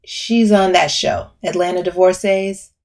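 A woman voicing a smooth, brash middle-aged male lawyer who talks bluntly and swears. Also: fairly low pitch, steady tone, unhurried.

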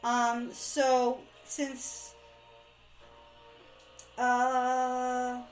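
A woman's voice: sits high, completely flat delivery, extremely slow, reverberant, soft background music, low-quality recording. A woman playing a tabletop game, working through the rules with some hesitation. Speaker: player. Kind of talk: casual tabletop play.

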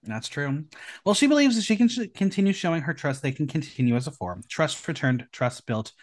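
A podcast host recaps an episode casually, narrating events in a playful, theatrical manner and throwing out rhetorical questions. His voice is a little high, expressive, and brisk.

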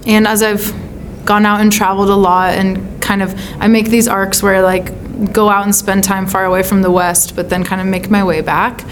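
A woman's voice: medium pitch, flat delivery, normal speed, few pauses, slight background noise. An American woman from California answering as an interviewed songwriter, in a casual, thoughtful style with searching phrasing. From California, United States.

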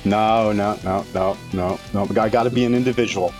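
A man's voice: lowish voice, fairly even intonation, normal speed, over music. Playful man bantering on a podcast. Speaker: podcast co-host. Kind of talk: casual podcast chat.

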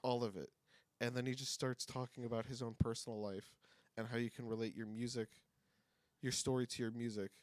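A man's voice: medium pitch, steady tone, brisk, no room sound. A young man co-hosting a casual podcast, telling a story in a laid-back way, with swearing and frequent laughter. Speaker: podcast co-host. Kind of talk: casual chat.

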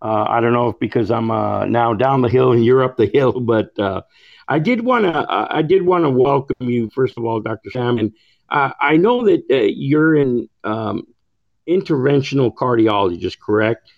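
A man's voice: medium pitch, animated, normal speed, no room sound, muffled recording. A man, a pastor and co-host, asking the guest questions in a polite, hesitant way from a remote connection. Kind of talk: interview questions.

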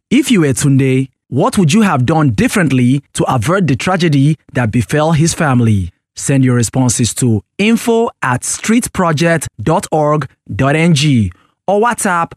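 A man with a Nigerian accent reads a scripted show outro, clear and deliberate. His voice sits slightly high, recorded close and dry in a studio. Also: no room sound. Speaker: programme announcer.

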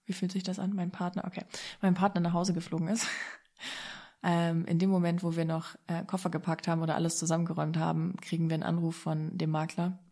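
A woman with a lowish voice and a gravelly, creaky edge tells a personal story. She talks casually and with excitement, sprinkling English words through her sentences. Her telling stays loose and animated. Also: fast talker.

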